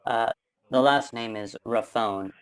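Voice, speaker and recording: A man's voice: medium pitch, unhurried, smooth, no echo, voice pushed down. A man talking through a voice changer while posing as a customer on a phone call, hesitant and stammering with ums and repeated words.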